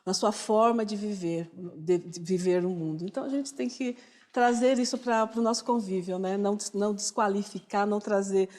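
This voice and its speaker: A woman's voice: medium pitch, steady tone, normal speed, a little mellow. Earnest woman guest in a reverberant room. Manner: earnest, repetitive restarts. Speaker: studio guest. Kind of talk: TV studio conversation.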